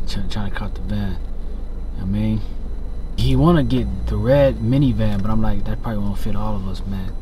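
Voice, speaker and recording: A young man vlogging casually to a handheld camera in a car, joking and laid-back. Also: on the low side. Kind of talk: casual vlog. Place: parked car and outdoors at a rental lot. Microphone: handheld camera at arm's length. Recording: noisy car and street ambience.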